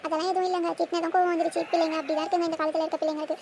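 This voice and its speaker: A woman voicing a gentle village mother in a cartoon, soothing her husband. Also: very high voice, flat delivery, very fast, a little hiss or hum.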